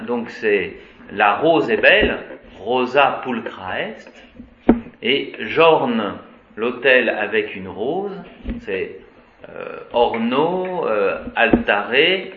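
A man teaching Latin in a classroom, taking his time and chanting declensions in a sing-song way between playful asides. The sound is dull and lo-fi, with a roomy echo and a faint hiss underneath. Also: medium pitch. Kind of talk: classroom lecture. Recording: dull, echoey room with faint noise.

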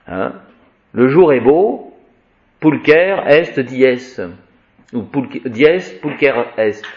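A man's voice: medium pitch, lively intonation, drawn-out words, darkish tone, dull audio. A man teaching Latin grammar, reciting word endings in a repetitive sing-song and explaining each form. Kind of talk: spoken grammar lesson.

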